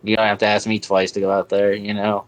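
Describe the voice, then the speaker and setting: Guy w a lowish voice, podcast guest on speakerphone, super casual. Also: completely flat delivery, fast. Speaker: podcast guest, glass artist. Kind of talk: casual chat. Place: remote call on speakerphone.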